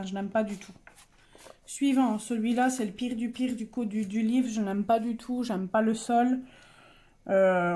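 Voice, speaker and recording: A woman's voice: on the high side, dark tone. A young woman casually showing her coloring pages, chatty and hesitant, with many fillers and self-corrections. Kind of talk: casual show-and-tell.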